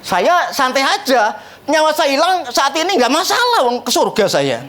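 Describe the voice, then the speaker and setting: Lively joking male pastor. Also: very high-pitched, normal speed. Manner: animated, joking, laughs often at his own stories. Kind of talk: humorous storytelling sermon. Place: church.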